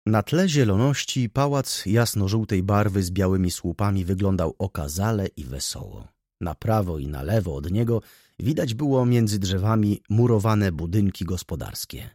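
A man's voice: fairly low pitch, moderate pace, no room sound, clean studio sound. A man narrating a classic novel as an audiobook, telling it expressively. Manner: expressive storytelling with voiced characters.

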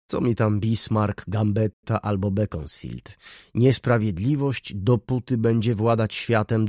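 A man narrates a classic novel in a measured, expressive reading. His voice is low and husky, with lively pitch movement, in a dry, close recording. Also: dry recording. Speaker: audiobook reader. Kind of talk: scripted narration.

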